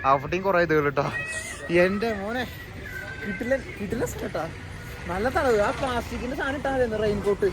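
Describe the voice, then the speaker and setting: A young man with a Kerala Malayali accent chatting casually and excitably to his travel vlog viewers, mixing English words and slang into his Malayalam. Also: high-pitched, fairly quick. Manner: excitable, exclamatory, addresses viewers often. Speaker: travel vlogger. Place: mostly outdoors on town streets. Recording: noisy outdoor ambience with vehicle sounds.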